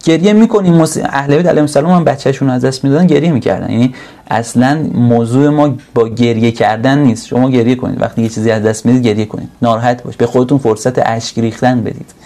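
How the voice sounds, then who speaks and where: A man giving an earnest sermon, now and then slowing down and rising in pitch and force to stress a point. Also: steady tone, mellow. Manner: earnest, swells to slow emphatic peaks. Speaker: religious speaker.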